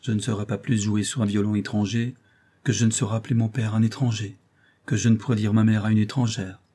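A man's voice: on the low side, little pitch movement, fast talker, dark tone, close to an everyday voice. A man reading aloud a poor orphan boy violinist, lamenting in an emphatic, grieving voice.

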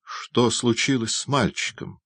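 A man voicing an excitable, fussy old male doctor who shouts and blusters. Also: medium pitch, unhurried, vocal fry, husky, no room sound, studio quality, voice pushed up, heavily acted. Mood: excited, blustering.

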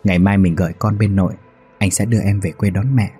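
A man playing a deep warm caring husband. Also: steady tone, fast, faint music behind, natural voice. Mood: soothing. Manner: soothing. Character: gentle caring young husband.

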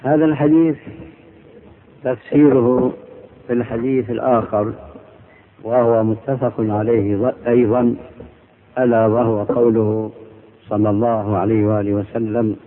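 A man explains religious rulings in a deliberate, teacherly way, pausing between phrases and pressing hard on key words. His voice sits in an ordinary middle register. The recording is thin and tinny, as if it came down a phone line. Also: medium pitch, level tone, a little hiss or hum. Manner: measured, deliberate explanation with emphatic rises. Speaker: religious scholar answering questions. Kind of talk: religious Q&A lecture.

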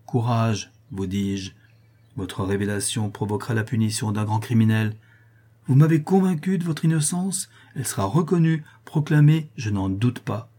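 Male reader as a solemn protector, low, husky, reassuring. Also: normal speed, warm tone, close to an everyday voice. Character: solemn nobleman, steady protector. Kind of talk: audiobook character reading.

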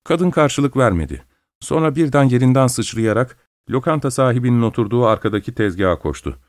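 A man narrating an audiobook story in a steady, expressive reading voice. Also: mid-range voice, brisk, no echo, clean studio sound. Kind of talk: scripted narration.

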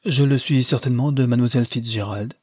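A man voicing a serious, troubled young gentleman who speaks in a confiding tone. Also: mid-range voice, steady tone, fast talker, slightly rough, dry recording, studio quality, lightly acted. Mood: earnest.

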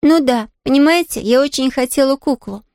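In this audiobook reading, a female narrator takes on a talkative, cheerful orphan girl, bubbly and eager to comfort, though the mood is wistful. Her character voice is pitched high and bright above the narration, and the sound is close and dry without any echo.

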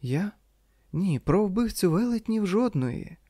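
A man reading the lines of a gentle, teasing young wife in an audiobook, with a soft, slightly raised voice. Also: high-pitched, sing-song, slow pace, dry recording, studio quality, pitched above the performer's own voice, exaggerated voice. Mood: playful.

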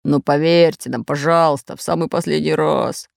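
A woman voicing a fat red-bearded pirate in a storybook, deep and pleading. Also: fairly even intonation, fairly quick, creaky, darkish tone, clear, resonant tone, no room sound, studio quality. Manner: pleading, plaintive.

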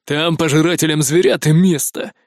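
A stern animal chief, as a man puts him on, speaking slowly and gruffly. Every word is a command. Dry, close storybook recording. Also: a little high, steady tone, dry recording, close to an everyday voice. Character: stern male council leader beast.

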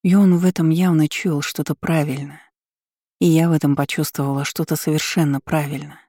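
A woman reads a first-person fantasy story aloud, calm and reflective. Her voice is dark and mellow, and the recording is close and dry, with no room sound. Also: sits low, dry recording. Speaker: audiobook narrator.

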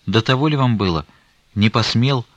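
A man's voice: medium pitch, moderate pace, no room sound, voice pushed up, natural voice. A man reading as a frightened young clerk. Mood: pleading. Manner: hesitant, pleading, stammering.

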